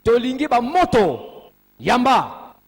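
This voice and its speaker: Male interpreter, very high and quick voice, in a church hall with long reverb. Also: wildly swooping pitch, husky. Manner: rapid, echoes each phrase right after the preacher. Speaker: sermon interpreter. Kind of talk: live interpretation of a sermon.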